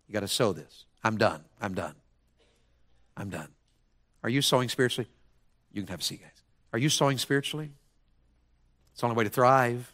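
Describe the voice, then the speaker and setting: Pastor preaching hard, bright tense voice, lots of questions thrown at the crowd. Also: male voice, medium pitch. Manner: impassioned, swings from quiet to near shouting, rhetorical questions. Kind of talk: sermon.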